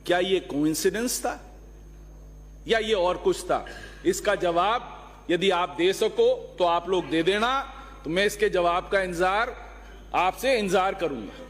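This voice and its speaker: Male lawmaker, high voice, combative floor speech with rhetorical questions, long hall reverb. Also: unhurried, a bit bright. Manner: argumentative, rhetorical questions, mixes in English phrases. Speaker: legislator. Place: legislative assembly hall.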